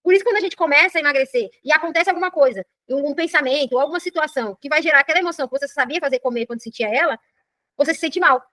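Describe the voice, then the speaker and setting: A woman's voice: sits high, very fast, no room sound. A middle-aged woman with a Brazilian Portuguese accent, teaching a personal development class and often checking in with her listeners. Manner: animated, keeps checking in with "entendeu?". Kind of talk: live online class talk.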